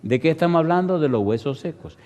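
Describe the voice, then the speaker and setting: Emphatic preacher in a reverberant hall. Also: male voice, on the high side, fast. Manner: emphatic, animated, fond of rhetorical questions. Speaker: pastor. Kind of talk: sermon with storytelling.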